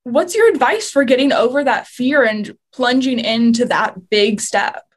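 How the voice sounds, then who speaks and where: A woman interviewer asking a measured, earnest question. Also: fairly high pitch.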